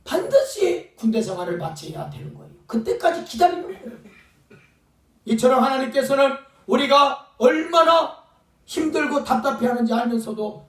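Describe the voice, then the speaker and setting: High-pitched fervent male pastor preaching. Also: very animated, normal speed. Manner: fervent preaching, acting out pleading voices. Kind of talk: sermon. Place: church sanctuary. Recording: echoey church sound from a distant mic.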